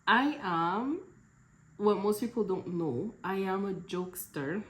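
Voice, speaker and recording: A young woman from Cameroon answering questions in a relaxed, chatty vlog, laughing between answers. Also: medium pitch, slow pace, roomy sound, a little hiss or hum. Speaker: vlogger. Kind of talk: casual Q&A vlog.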